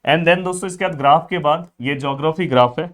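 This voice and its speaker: A man, coaching students through an exam study plan in an energetic, friendly way. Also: fairly high pitch, fast talker. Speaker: tutor.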